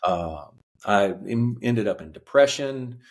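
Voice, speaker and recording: A man in his fifties, a podcast guest telling his life story earnestly, halting with fillers. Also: on the low side, expressive. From United States. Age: 50s. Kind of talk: reflective personal storytelling.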